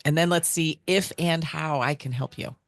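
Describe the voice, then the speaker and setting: A woman co-hosting a podcast, talking in an animated, affirming way. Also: sits low, moderate pace, no room sound. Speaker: podcast co-host. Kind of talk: casual chat.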